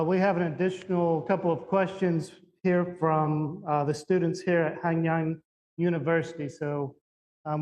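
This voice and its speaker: A man with a slightly high voice moderates a live event. He introduces and links the questions in an informal, unscripted style. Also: a little mellow, low-quality recording.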